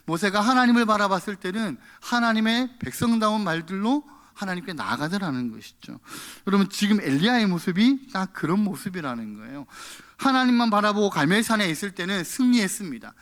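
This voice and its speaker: A man's voice: high-pitched, fairly bright tone. A male pastor preaching a sermon in church, acting out the quoted prayers in a raised voice.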